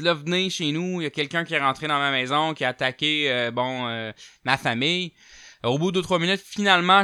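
A man with a Québécois accent casually telling a paranormal story, chatty with many fillers, getting loud at tense moments. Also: medium pitch, clean tone, dry recording, studio quality.

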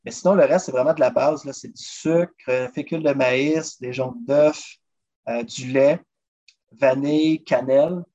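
This man, a drummer and food traveler with a Québécois accent, guests on a podcast and happily explains recipes in a casual interview. His mid-range voice is unhurried, and his chatty, lively manner comes with frequent uses of "listen." The audio is dull lo-fi.

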